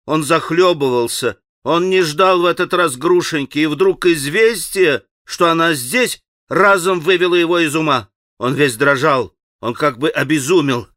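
Man, audiobook narrator, classic novel, expressive dramatic reading, bright voice, dry close sound. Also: a little high, normal speed, no room sound. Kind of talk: scripted literary narration.

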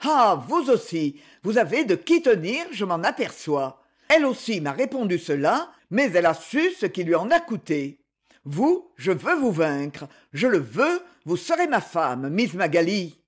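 A man's voice: high voice, very animated, unhurried, full character voice. A narrator voicing a sarcastic, threatening male secretary with a cold, mocking manner. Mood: cold menace.

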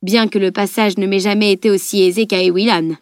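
A woman reading an audiobook, voicing an elderly, kindly and cautious male scholar in a measured, patient way. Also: medium pitch, steady tone, no echo, clean studio sound, natural voice. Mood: explaining.

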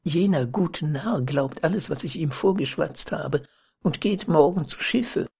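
A deceitful young woman confides in her secret lover in a hushed, half-whispered voice, as a reader puts her on. The tone is husky and the pace slow, in an audiobook of old literary prose. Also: medium pitch, heavily acted. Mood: scheming, hushed.

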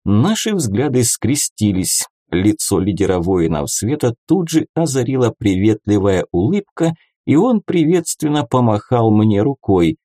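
A man's voice: on the low side, very animated, measured pace, mellow, no room sound, clean studio sound. A man narrating a fantasy game novel in the first person, in an ironic, conversational storytelling manner. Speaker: audiobook narrator.

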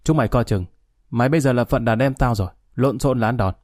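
A brusque young man, slightly lower and quicker than the narrator, gruff and bossy with his mate, as a male storyteller voices him. The tone is mellow and dry. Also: no echo, lightly acted.

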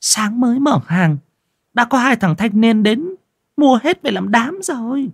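A man voicing a frightened middle-aged village wife in an audio horror story, with a shrill falsetto, stammering and pleading. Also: animated, measured pace, gravelly, slightly rough, no echo, studio quality, heavily acted. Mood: anxious.

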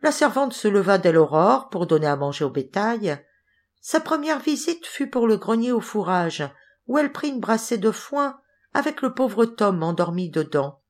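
A woman reading a fairy tale aloud as an audiobook, expressive and measured. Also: mid-range voice. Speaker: audiobook reader. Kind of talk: storybook narration.

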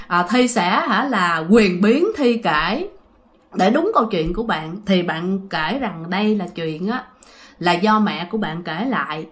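A woman's voice: on the high side, a bit bright. A woman telling a ghost story in a chatty way, speaking directly to her listeners. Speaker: storyteller, channel host. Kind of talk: casual ghost-story narration.

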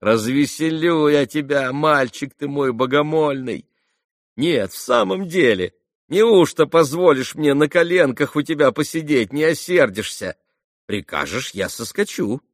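A man reading an audiobook, voicing an excitable, teasing young woman who chatters playfully. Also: on the high side, unhurried, no echo, clean studio sound, voice pushed up. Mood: coaxing. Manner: chattering, playful, mock-scolding. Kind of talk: audiobook character voice.

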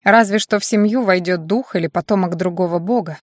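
A woman voicing a proud, sharp-tongued young female student with a snippy, mocking manner. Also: fairly low pitch, fairly quick, dry recording, studio quality, natural voice. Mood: snippy confident.

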